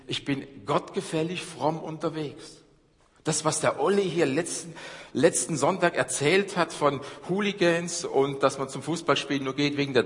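A middle-aged man preaching a sermon, moving between loud, emphatic passages and hushed, low ones. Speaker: pastor. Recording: long church-hall reverb.

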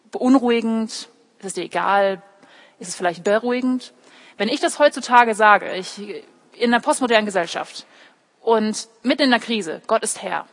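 A woman's voice: fairly high pitch, fairly bright tone. A woman preaching an online sermon, often asking questions and speaking directly to her listeners. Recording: long hall reverb.

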